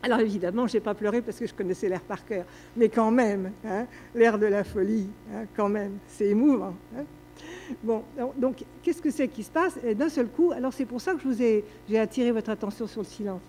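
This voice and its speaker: Older woman lecturing, mellow and rambling. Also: fairly high pitch, a little fast, slight background noise, poor audio. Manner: digressive, lively, many fillers and restarts. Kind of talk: academic lecture Q&A answer.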